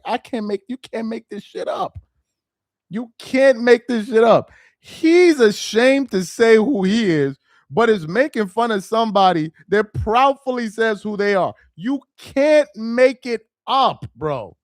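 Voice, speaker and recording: This is a young man of Nigerian descent running a laid-back livestream at a measured pace, his voice sitting high. He reads chat messages out loud and responds to viewers directly, lively, laughing and exasperated. The sound is dry and studio quality.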